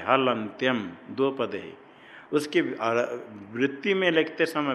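A man's voice: mid-range voice, bright, forceful tone. A man teaching a class on Sanskrit grammar. He repeats key terms and puts questions to his students. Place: ashram classroom. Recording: long hall reverb.

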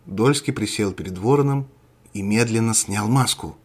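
A man narrates a dramatic story in a low, husky voice. His delivery is measured and steady.

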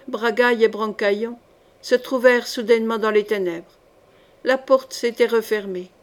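A woman reading an adventure novel aloud as scripted narration, with expressive storytelling. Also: on the high side. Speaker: audiobook reader.

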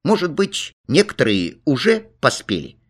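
A man voicing an eager little boy in a children's story, shouting with joy. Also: mid-range voice, wildly swooping pitch, moderate pace, voice pushed up. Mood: excited. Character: excited little boy turning seven. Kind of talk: storybook reading.

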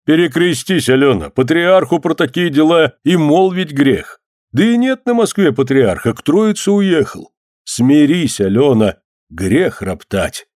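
A man's voice: fairly high pitch, big pitch swings, a little slow, a little mellow, no echo, clean studio sound, pitched above the performer's own voice. A man playing a sly old village priest who offers pious comfort in an oily, sermonizing way.

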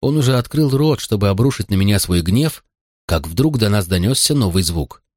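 Expressive male audiobook narrator. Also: on the low side, normal speed, dry recording, studio quality. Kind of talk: scripted narration of a novel.

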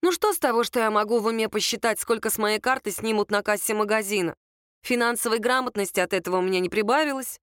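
A woman's voice: on the high side, fast talker, fairly bright tone, smooth, no echo, clean studio sound, lightly acted. A woman reading a gloomy, self-pitying young woman student who complains sulkily and sarcastically in an audiobook. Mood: sarcastic.

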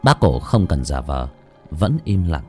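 A man's voice: extremely low pitch, big pitch swings, measured pace. A man narrating a horror story in a dramatic, suspenseful way. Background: faint music.

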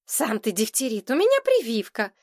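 A woman voicing a feisty, quick-tempered girl who snaps and scolds. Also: fairly high pitch, huge pitch swings, darkish tone, no room sound, studio quality. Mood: snappy. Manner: snappy, scolding.

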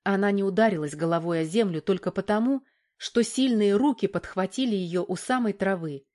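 Brief: woman, mid-pitched, steady audiobook narrator. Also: a little fast. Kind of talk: scripted narration.

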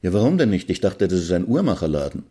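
Polite confused traveler guy, narrator doing him, low mellow voice. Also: sing-song, fast talker, husky, exaggerated voice. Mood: puzzled. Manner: puzzled, questioning.

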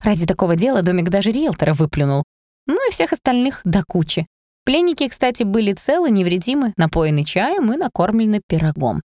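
A woman reads a first-person fantasy audiobook in a lively, expressive way. Her voice sits at a middle pitch, and the recording is dry and close, with no room sound. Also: a little fast, no echo. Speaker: audiobook reader.

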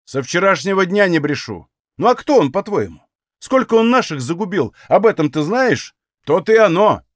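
A stubborn young Cossack, as a male reader puts him on, blunt and coolly defiant, talking in plain rural speech. His tone moves up and down with lively turns. The sound is close and dry. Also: high-pitched, normal speed, no room sound.

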